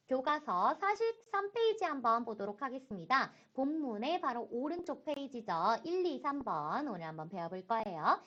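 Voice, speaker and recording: A woman teaching high school Chinese in an online lecture, slowing down to model phrases and stressing key points. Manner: slow, careful model pronunciation of Chinese phrases; lively, rising emphasis on key points. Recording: dull lo-fi recording.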